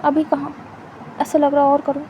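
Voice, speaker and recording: Woman doing a soft teasing confident man. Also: monotone, normal speed, slight background noise, natural voice. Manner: soft, low-key teasing. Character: confident teasing young man, possessive lover.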